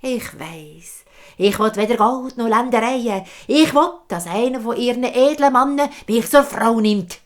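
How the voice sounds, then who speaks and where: A woman storyteller with a Swiss German accent voicing a repulsive old woman who bargains slowly and slyly. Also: fairly high pitch, expressive, pitched above the performer's own voice. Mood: sly, bargaining.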